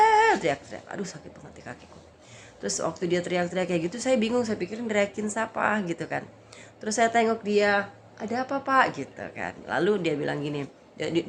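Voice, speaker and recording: A woman with a fairly low voice tells her viewers a story in a casual vlog. She talks to them as brothers and sisters and keeps the retelling lively, with a faint ambient hiss behind her. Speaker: vlogger and street evangelist.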